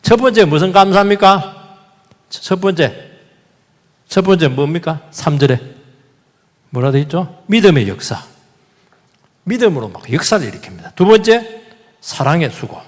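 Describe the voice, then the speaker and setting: Male pastor, sermon, animated delivery, rising and falling pitch, repeats words, questions the congregation, reverberant church hall. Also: normal speed, pauses often. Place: church sanctuary.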